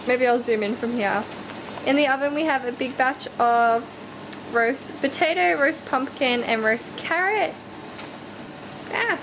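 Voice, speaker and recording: A woman's voice: high voice, noisy background. A young woman with a New Zealand accent, chatting casually to her camera in her home kitchen, upbeat and rambling with lots of "like". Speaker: fitness vlogger. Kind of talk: casual vlog chat.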